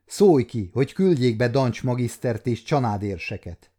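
A man's voice: fairly low pitch, lively intonation, dark tone. A man reading a stern, commanding king. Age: 50s. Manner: commanding, measured. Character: stern, dignified medieval king, middle-aged man.

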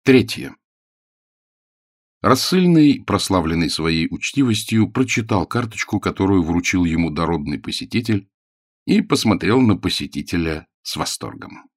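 A man narrating an audiobook in a wry, measured storytelling manner. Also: deep voice, animated, no echo, clean studio sound. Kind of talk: scripted narration.

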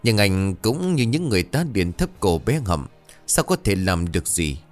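A man narrating a ghost story in a dramatic, measured way. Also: low voice, very animated, soft background music.

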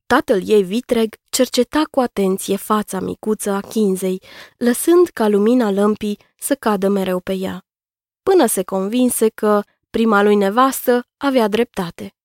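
Woman reading a kids story aloud, calm and steady, mid pitch, dry close mic. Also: dry recording. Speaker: narrator. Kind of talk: scripted narration of a children's story.

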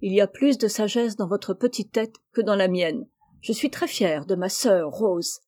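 A shy, proud teenage boy opening up about being lonely, read by a woman in a mellow, soft voice. he sounds earnest and a bit sheepish, like a storybook hero who hates being teased. the voice is husky and warm rather than bright. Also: mid-range voice, normal speed, close to an everyday voice. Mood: confiding.

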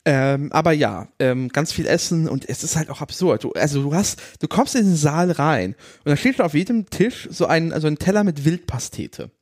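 Male co-host, high voice, animated melody, slangy casual storytelling. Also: moderate pace, few pauses, no echo, clean studio sound. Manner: colloquial, drops English slang. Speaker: podcast co-host. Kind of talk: casual chat, anecdotal.

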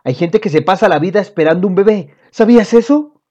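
Woman as calm storybook father, measured, soothing, dull lo-fi sound. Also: medium pitch, close to an everyday voice. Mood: explaining. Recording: dull lo-fi audio.

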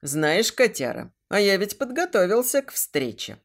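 A woman voicing a menacing male demon who mocks and barks orders in a lowered voice. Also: sing-song, moderate pace. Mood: mocking. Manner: mocking, barking orders.

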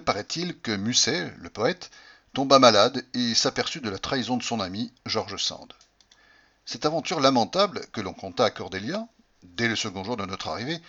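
A man's voice: medium pitch, bright, forceful tone, highs cut off. Man narrating a classic novel. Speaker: audiobook narrator. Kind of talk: literary audiobook narration.

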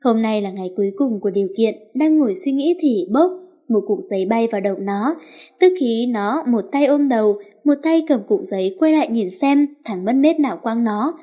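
Mellow, fairly high woman storyteller. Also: animated, normal speed. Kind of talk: story narration.

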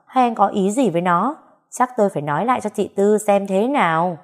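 A woman voicing a stout, fierce older village woman with a gruff deep voice and a domineering manner. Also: expressive, a little fast, natural voice.

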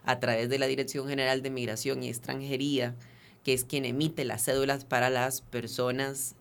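On a radio interview, this Venezuelan activist walks through procedures carefully and earnestly, frequently stalling on fillers and restarting. His voice is ordinary in pitch, level and smooth, with some vocal fry.

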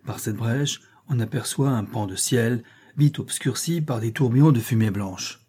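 A male narrator reads a novel aloud with expressive, dramatic phrasing. His voice is dark and mellow, with a husky edge. He sits at a middle pitch. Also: normal speed. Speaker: audiobook narrator.

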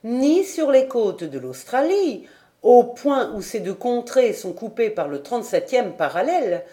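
A woman narrates an audiobook of a classic adventure novel at an unhurried, measured pace. Her voice sits at a middle pitch and has a mellow, soft tone. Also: very animated. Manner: slow, measured reading. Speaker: audiobook reader.

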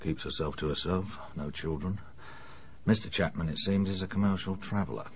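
Low-voiced, dry English police inspector. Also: male voice, brisk, a little hiss or hum. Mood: briskly reporting. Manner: dry, sardonic, matter-of-fact. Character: gruff, dry-witted English police inspector, middle-aged. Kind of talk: radio drama acting.

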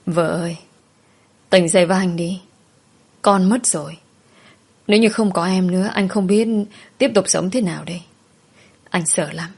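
A woman narrator voicing a grieving young husband who pleads quietly and tearfully at his wife's hospital bed. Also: fairly low pitch, normal speed, vocal fry, long pauses, slightly rough. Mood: pleading.

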